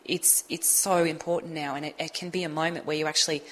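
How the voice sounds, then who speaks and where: A woman's voice: low voice, steady tone, fast, fairly bright tone, poor audio. A woman, a radio guest speaking earnestly and explaining her ideas with emphasis. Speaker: guest on a radio talk show. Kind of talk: conversational advice talk.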